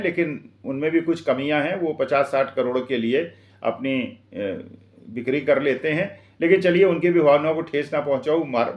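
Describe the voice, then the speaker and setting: A man's voice: medium pitch, darkish tone. Echoey man from Uttar Pradesh, earnest. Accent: eastern Uttar Pradesh Hindi. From Uttar Pradesh, India. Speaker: commentator. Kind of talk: opinion monologue.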